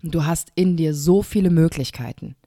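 A woman's voice: low voice, moderate pace, no echo, studio quality. A woman hosting a podcast, talking straight to the listener in a reassuring, encouraging way. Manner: warm, reassuring direct address. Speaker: podcast host. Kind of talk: encouraging self-help talk.

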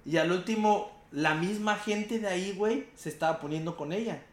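A young man with a Mexican Spanish accent, telling an animated, slang-heavy story in casual chat and acting out the quotes. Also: sits high, moderate pace, echoey room.

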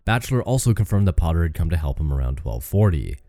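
A man's voice: low-pitched, big pitch swings, quick pace, mellow, no room sound, studio quality. A man hosting a true-crime podcast, reading out case notes in a casual way and breaking off for joking asides and the odd curse word. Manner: swears casually. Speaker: podcast host.

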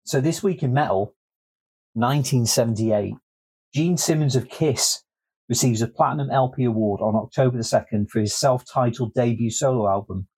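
A man's voice: mid-range voice, moderate pace, a little mellow, husky, poor audio. A man co-hosting a podcast, reading out notes in a casual chat with wry, sweary asides. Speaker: podcast co-host.

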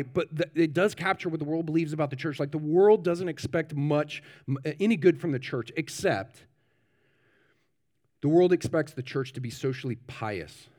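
A man's voice: fairly high pitch, a little mellow. A male pastor preaching a conversational sermon with informal asides, often restarting and repeating words.

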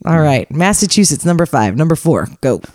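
A woman's voice: deep voice, big pitch swings, a little fast, a little mellow, no room sound. A woman co-hosting a casual chat podcast from her home studio, playful and laughing often. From California. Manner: playful, laughs often, does silly voices. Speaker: podcast co-host. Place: home studio living room.

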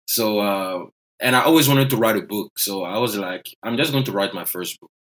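Despite poor audio, a fairly low and fairly bright male voice comes through at a moderate pace. It's a guest economist in his thirties from Côte d'Ivoire, a native French speaker, sharing his personal story on a podcast interview in a thoughtful, self-mocking way.

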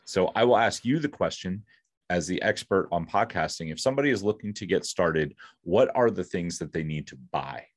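Low-voiced encouraging male interviewer. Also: expressive, normal speed. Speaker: podcast host. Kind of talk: casual interview.

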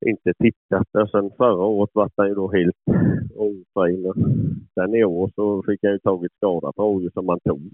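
A man with a fairly low voice tells rambling hunting stories about his dog in a casual way, swearing freely and chuckling along. The sound is thin and phone-like. It is dry and close, with no room echo. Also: little pitch movement. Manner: rambling, swears often, chuckles while telling. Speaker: dog owner and hunter. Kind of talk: casual storytelling.

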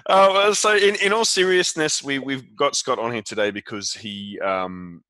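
Bright-voiced man hosting a podcast. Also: mid-range voice, dry recording. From Australia. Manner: friendly, halting with fillers and restarts. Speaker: podcast host. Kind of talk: casual podcast chat.

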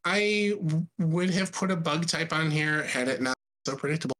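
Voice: mid-range voice, steady tone, normal speed, fairly bright tone. A podcast co-host in casual chat, joking and often restarting mid-sentence.

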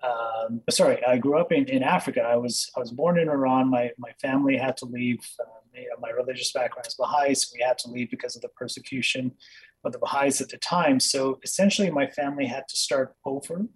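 A man's voice: mid-range voice, steady tone, a little fast, husky, poor audio. A man who grew up in Kenya, a dentist speaking as an interview guest over a video call, earnest and reflective with many fillers. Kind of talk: casual interview.

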